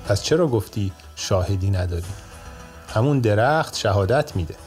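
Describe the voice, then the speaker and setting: Give me a calm, clever old judge in a bedtime story, as a man puts him on. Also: lowish voice, faint music behind, close to an everyday voice.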